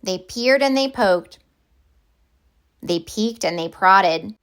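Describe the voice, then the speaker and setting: With deliberate, expressive delivery, a woman reads a picture book for children aloud, her pitch sitting in the medium range.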